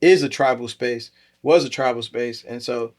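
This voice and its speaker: Animated man with quick asides. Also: medium pitch. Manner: animated, jumps into quick asides, repeats words as he restarts. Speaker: podcast co-host. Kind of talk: casual conversation.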